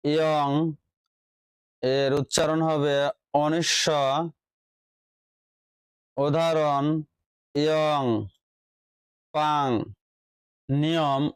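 Male teacher, scripted lesson narration, measured and deliberate, slightly higher voice, dry close recording. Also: clean tone, no room sound, rough recording. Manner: slow, measured dictation of rules and examples. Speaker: language teacher.

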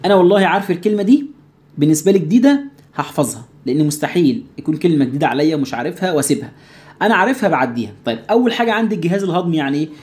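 Egyptian guy teaching english, talks fast, asks himself the students' questions, repeats words slow to drill them. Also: fairly high pitch, very animated, darkish tone. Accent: Egyptian Arabic. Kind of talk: recorded classroom lesson.

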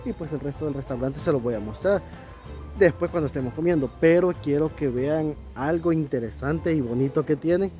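Salvadoran dude vlogging outside, kinda high mellow voice, chatty, music under it. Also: male voice, a little fast. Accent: Salvadoran Spanish. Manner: chatty, enthusiastic, laughs often. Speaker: vlogger host. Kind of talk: casual travel vlog. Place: outdoor riverside restaurant.

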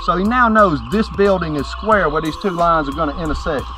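A man's voice: on the high side, brisk, music in the background. A middle-aged man presenting an outdoor how-to demonstration, plain-spoken and explaining step by step to viewers. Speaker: company presenter. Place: outdoors by a driveway on a sunny rural property.

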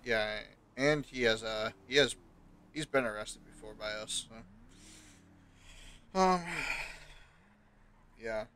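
A man's voice: on the low side, slow pace, pauses often, bright, forceful tone, clear, resonant tone. A man improvising as a police officer in game role-play, speaking matter-of-factly.

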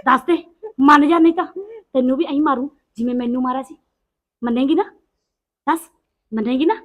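Vengeful female ghost played by a woman, high, hissing taunts that break into wailing. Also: fairly quick, narrow, tinny audio. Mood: menacing. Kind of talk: Punjabi short film acting.

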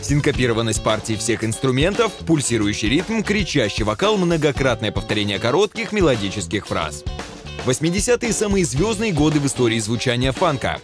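A man with a mid-pitched voice reads scripted TV narration. His intonation is very lively and music with guitar plays clearly behind him. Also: a little fast.

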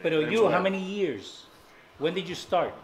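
High-voiced man asking questions in English. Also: animated, measured pace, crowd noise. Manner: asks questions in English, repeats them patiently. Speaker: interviewer. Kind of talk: casual interview.

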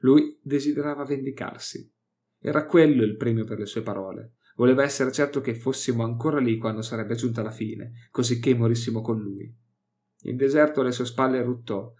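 A man with an Italian accent narrating a novel in the first person, in a measured, low-key reading. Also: a little mellow. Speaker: audiobook reader.

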